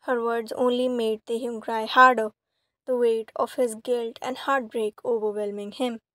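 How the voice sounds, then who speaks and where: A woman's voice: on the high side, flat delivery, measured pace, a bit bright, no echo. Woman reading fan fiction, level tone. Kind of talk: storybook narration.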